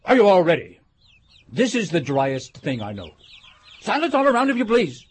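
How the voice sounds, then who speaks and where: A woman voicing a pompous, self-important mouse in a storybook, lecturing in a stuffy, grand manner with a husky voice. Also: on the low side, huge pitch swings, full character voice. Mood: pompous, droning. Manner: stuffy, grand lecturing with throat-clearing and pauses.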